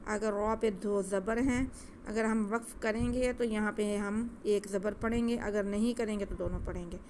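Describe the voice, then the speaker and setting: A woman teaching Quran recitation step by step, explaining gently and patiently at a quick pace. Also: medium pitch, slight background noise.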